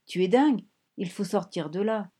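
A woman reading a storybook, voicing a teenage girl who shouts in frantic alarm. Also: medium pitch, lively intonation, moderate pace, breathy edge. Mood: panicked. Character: teenage girl, rebellious then panicked.

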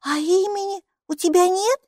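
The clip features a woman pushing her voice to an extremely high pitch for an audiobook character: a cheerful, chatty six-year-old girl bursting with eager questions. Her excited delivery moves at normal speed, and the recording is dry with clean studio sound.

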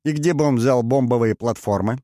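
A man voicing a cheerful, self-assured male king in an audiobook, with a lively, lightly teasing manner. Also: mid-range voice, fairly quick, dry recording, studio quality, voice pushed up, close to an everyday voice. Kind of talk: audiobook character voice.

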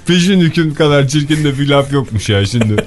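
A man's voice: a little high, animated, a little fast. A man co-hosting a morning radio show who drops wry quips in casual studio banter. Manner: wry, quipping.

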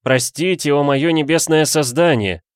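A man's voice: mid-range voice, animated, moderate pace, no room sound, clean studio sound, pitched above the performer's own voice, close to an everyday voice. A man voicing a shameless, flowery police detective who heaps florid compliments in an audiobook. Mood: fawning. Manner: florid, fawning, theatrical. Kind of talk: audiobook character voice.

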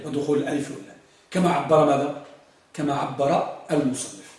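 A man's voice: a little high, steady tone, fast, darkish tone, far from the mic. Man teaching grammar in an echoey room. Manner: repeats points and quizzes students. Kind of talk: classroom lecture.

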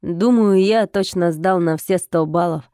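A cocky young husband with a lowered, mellow voice, as a woman reader puts him on. He teases and brags with a smirk in every line. The storybook reading is close and dry. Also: unhurried, smooth, dry recording, natural voice. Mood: teasing. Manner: teasing, boastful.

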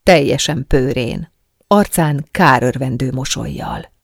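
Husky woman narrating an intimate story. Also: rumbling low, expressive, no echo, clean studio sound. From Hungary. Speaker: audiobook narrator. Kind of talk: first-person audiobook narration.

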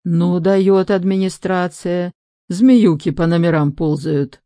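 A furious, blustering middle-aged man, voiced by a woman reading a story aloud, rants at staff with pushed, loud delivery. The tone is dark and the room is dry. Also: lowish voice, a little slow, no echo, close to an everyday voice. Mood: indignant yelling. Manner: blustering, shouting, threatening. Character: loud indignant middle-aged male resort guest.

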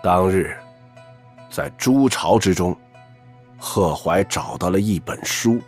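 An actor playing a wry, middle-aged assassin uncle in an audio drama, talking like a storyteller with lots of interjections. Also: male voice, low voice, expressive, slow pace, soft background music, heavily acted. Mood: slow, conspiratorial. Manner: drawling, storyteller-like, peppered with interjections. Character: wry, theatrical older male assassin uncle, Su Zhe. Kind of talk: audio drama character acting.

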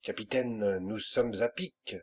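A man's voice: fairly low pitch, takes it slowly, husky. A man reading an audiobook, voicing a stubborn, loyal ship's boatswain who repeats himself insistently. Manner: dogged, insistent.

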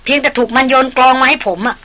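A woman's voice: sits high, steady tone, fast, pushed and bright, pitched above the performer's own voice. A woman voicing a stern, polite veteran male jungle hunter in a read-aloud adventure novel. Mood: calm firm.

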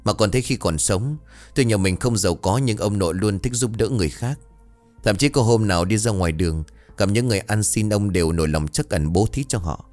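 A man's voice: lowish voice, brisk, a little mellow, faint music behind, lightly acted. A man voicing a curious young adult nephew who asks questions in an earnest, pleading way.

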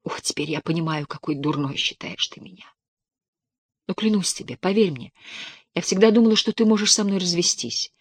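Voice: mid-range voice, fairly quick, husky, dry recording, close to an everyday voice. A reader voicing a remorseful, pleading young woman in a dramatic audiobook reading, tearful and imploring. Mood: imploring, despairing.

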